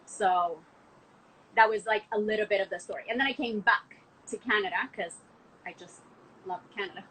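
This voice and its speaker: On a casual podcast call, an Argentine woman in her youth, who works as a wine export manager, chats eagerly about wine from home while looking out over the city. She speaks at a moderate pace in a medium-pitched, pushed, bright voice with a breathy edge, using lots of "like" fillers. The recording is rough.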